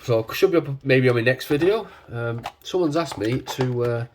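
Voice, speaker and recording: A man congested with a cold, talking casually and hesitantly as he hosts a hands-on demonstration, his voice husky from man flu. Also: medium pitch, expressive, moderate pace, a little mellow, a little hiss or hum. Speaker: video host.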